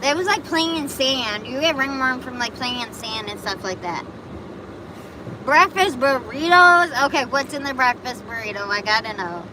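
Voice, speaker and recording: Expressive and high-voiced at a normal speed, a Buffalo, New York woman hosts a livestream amid traffic. She chats and rambles casually, reacting to comments and answering her viewers.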